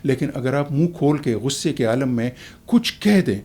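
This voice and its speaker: Calm man explaining at length. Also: mid-range voice. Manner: calm, measured, lecturing with examples. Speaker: expert guest. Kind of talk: explanatory talk show answer.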